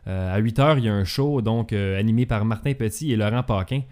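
A man's voice: fairly low pitch, a little fast, a little mellow. A man with a Québécois accent hosting a casual talk show, hesitant and full of filler sounds. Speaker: podcast host. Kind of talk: casual chat.

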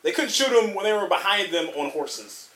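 A man's voice: high-pitched, expressive, moderate pace, a bit bright. A man in casual chat among friends, ranting with lots of profanity. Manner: ranting, profane, exasperated retelling. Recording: echoey room, faint background noise.

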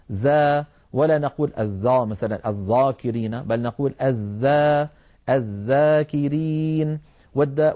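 In a televised tajweed lesson, a middle-aged man with a dark, mellow, medium-pitched voice teaches Quran recitation. He speaks at a measured pace, explaining step by step and sounding out individual letters for learners to copy.

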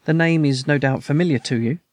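A man's voice: a little high, fairly quick, no echo, close to an everyday voice. Stately masked king, man reading the part, formal speech, storybook, dry close sound. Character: masked noble male king, proud, agitated client.

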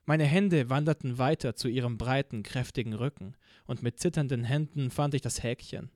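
A man's voice: medium pitch, moderate pace, a little mellow, no echo. Man narrating an audiobook, dry and close. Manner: vivid, dramatic reading. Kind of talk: scripted first-person narration.

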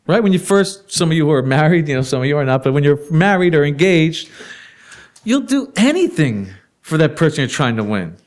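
A man preaching a sermon in a conversational way, asking the congregation rhetorical questions and laughing softly now and then. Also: on the high side, very animated, brisk.

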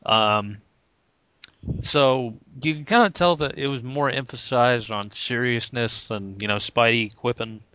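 A man's voice: medium pitch, unhurried, bright, forceful tone, clear, resonant tone, dry recording. A man casually talking about comics, hesitant and laid-back with many ums. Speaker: comic book podcast co-host. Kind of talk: casual chat.

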